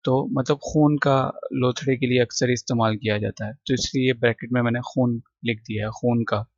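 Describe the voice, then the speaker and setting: Teacher reading word lists. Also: male voice, mid-range voice, steady tone, dry recording, lo-fi sound. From Pakistan. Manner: reads word lists in quick runs, adds short checks like "theek hai". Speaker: English teacher. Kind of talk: vocabulary lesson explaining words line by line.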